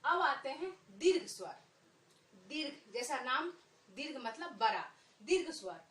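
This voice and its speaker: Slow, high-voiced teacher woman. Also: big pitch swings, fairly bright tone, distant mic. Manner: slow, patient, repeats points and drawn-out vowel sounds. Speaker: Hindi teacher. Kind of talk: online Hindi lesson for children. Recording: echoey room, voice a bit off-mic.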